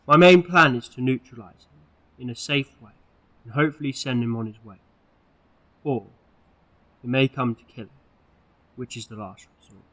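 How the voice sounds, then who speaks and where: Man playing the Doctor, bright theatrical hero. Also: mid-range voice, moderate pace, pauses often, rough recording. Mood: quietly determined. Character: eccentric, protective male alien time-traveller hero. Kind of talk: amateur audio drama acting.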